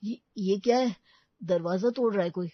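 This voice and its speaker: A woman's voice: mid-range voice, moderate pace, dry recording, dull audio, natural voice. A woman voicing a carefree young adult son who talks casually and teasingly.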